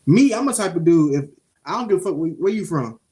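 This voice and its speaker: A young man, co-hosting a casual show review and telling stories in an animated, streetwise way, swearing freely. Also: on the high side, fast talker. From Jacksonville, Florida (Duval). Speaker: podcast co-host.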